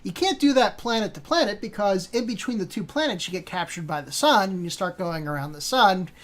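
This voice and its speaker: A woman's voice: mid-range voice, animated, a little fast. A woman hosting a casual gameplay walkthrough, rambling with many fillers and self-corrections. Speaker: host.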